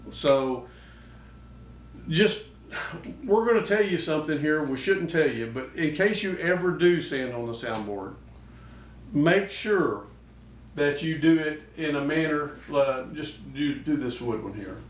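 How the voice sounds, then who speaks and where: A man's voice: on the high side, expressive, unhurried. A man hosting a show, giving casual, instructional talk. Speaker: host of a duck call show. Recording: echoey noisy room, distant mic.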